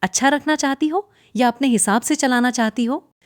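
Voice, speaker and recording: A woman doing a shrill, taunting old mother-in-law. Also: moderate pace, no room sound, studio quality, lightly acted. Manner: sharp, taunting, nagging. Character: stern scolding older Indian mother-in-law.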